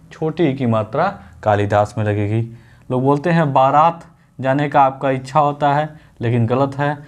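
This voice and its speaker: A man leads an exam-prep spelling lesson in an instructive teacher's voice. He repeats each word over and over and quizzes his students with quick questions. He also works in everyday example sentences. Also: medium pitch.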